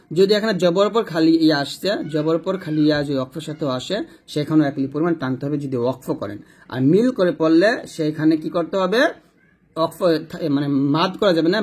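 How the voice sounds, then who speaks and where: A man with a somewhat raised, husky voice walks learners through recitation rules. He explains slowly and drills the letters again and again, and he coughs now and then. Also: on the high side, a little mellow. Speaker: Quran reading teacher. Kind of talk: step-by-step recitation lesson.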